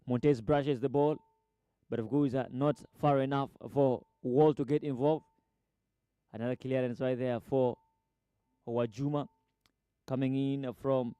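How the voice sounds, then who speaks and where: A man's voice: medium pitch, mellow, clean tone, no echo, highs cut off. A man giving live football play-by-play, repeating player names and rising sharply at chances. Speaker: football commentator. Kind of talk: live match commentary.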